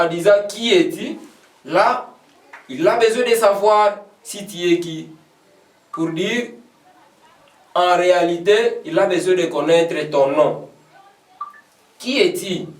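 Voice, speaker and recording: Male teacher, high voice, slightly distant from the mic, patient repetition of drills. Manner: repeats example phrases slowly and deliberately. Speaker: English teacher. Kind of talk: beginner language lesson. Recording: echoey room, voice from a distance.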